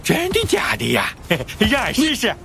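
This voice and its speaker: A man's voice: high voice, huge pitch swings, a little slow, full character voice. A man voicing a childish, stubborn cartoon bear who whines and pleads. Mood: pleading, eager. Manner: whining, pleading, simple-minded. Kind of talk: animated cartoon acting. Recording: clear music over the voice.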